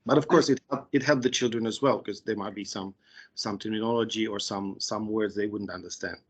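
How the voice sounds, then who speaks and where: On a video call from a small indoor room, a Romanian-accented interpreter in his thirties speaks hesitantly, full of fillers and restarts. His voice is lowish and steady with a breathy edge and a slightly fast pace, captured by a webcam mic in dull, lo-fi call audio.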